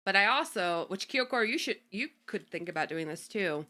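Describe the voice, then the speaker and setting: A woman streamer chats casually into a desk mic at home. Her voice is bright and swings widely in pitch, and she giggles often between filler-heavy sentences. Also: lively intonation, fairly quick. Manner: chatty, giggly, lots of fillers. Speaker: streamer host. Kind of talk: casual chat.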